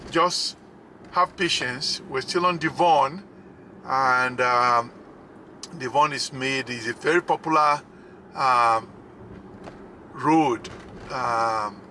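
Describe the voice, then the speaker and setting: A man giving a casual, unscripted tour commentary from inside a moving car, speaking haltingly with frequent pauses. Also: medium pitch, pushed and bright. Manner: halting, hesitant, pausing often. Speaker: vlogger, driving tour host. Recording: road and car noise. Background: faint vehicle noise.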